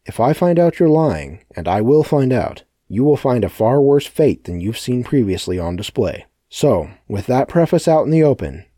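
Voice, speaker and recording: A man voicing a commanding, menacing male ringleader with a loud, theatrical delivery. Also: medium pitch, big pitch swings, moderate pace, few pauses, no echo, studio quality, pitched above the performer's own voice.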